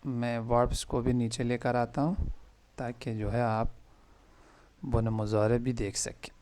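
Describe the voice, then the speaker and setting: Male tutor on a video call, smooth resonant voice, patient and methodical, slows to spell out each word. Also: mid-range voice, little pitch movement, darkish tone. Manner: patient, slow drilling of verb forms, word by word. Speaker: Persian tutor. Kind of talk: online one-on-one language lesson.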